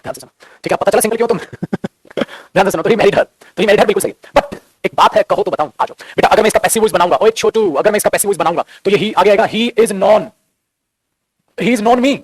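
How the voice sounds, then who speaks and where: A man's voice: high-pitched, husky, dry recording. A man teaching English grammar in a class lecture, teasing and scolding his students playfully with jokes and repeated drilling questions.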